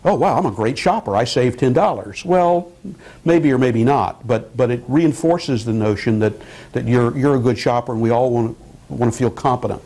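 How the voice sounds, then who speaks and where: An older man, a marketing professor, explaining calmly in a news interview in his office. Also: medium pitch, poor audio. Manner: measured, explanatory, with fillers and restarts. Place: office, indoors.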